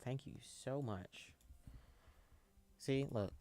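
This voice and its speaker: On a live stream, a boyish-sounding man in his twenties chats casually and answers viewers, rambling and halting with plenty of fillers and restarts. His voice sits in the mid range with a dark tone.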